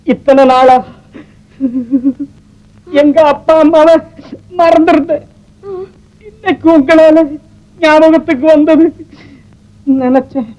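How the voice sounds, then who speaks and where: A grieving young doctor tells of his loss in a choked, tearful voice. The voice sits very high for a man, with theatrical 1950s film melodrama delivery. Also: measured pace, long pauses, darkish tone, lo-fi sound. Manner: emotional, theatrical storytelling.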